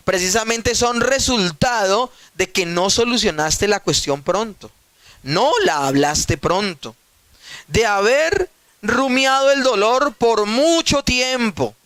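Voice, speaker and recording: A man's voice: sits high, a bit bright, dry recording. A male pastor preaching a sermon emphatically, putting rhetorical questions to his listeners and addressing them directly.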